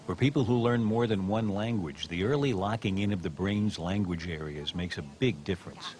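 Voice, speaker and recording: A man hosting a science documentary, narrating in a measured, explanatory way. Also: low voice, darkish tone, a little hiss or hum. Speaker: documentary host. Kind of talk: scripted narration and interview questions.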